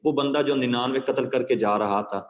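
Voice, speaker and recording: A man's voice: mid-range voice, in a large hall, muffled recording. A male teacher giving a classroom lecture on a poem, asking his students rhetorical questions and telling them moral stories. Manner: asks the class rhetorical questions and checks understanding.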